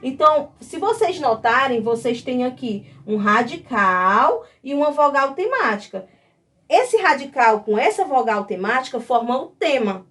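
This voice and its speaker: Brazilian woman teacher, high pitch, patient step-by-step explanation, slightly distant recording. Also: sing-song, unhurried, a bit bright. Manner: explains step by step, checks in with "certo?" and "ok?". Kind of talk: recorded classroom lesson.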